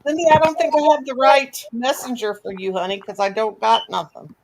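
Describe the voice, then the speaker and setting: A woman's voice: fairly high pitch, expressive, fairly quick, vocal fry, slight background noise, poor audio. A woman hosting a casual crochet video call, chatty and folksy, teasing her friends. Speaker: host of a crochet livestream. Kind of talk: casual group video chat.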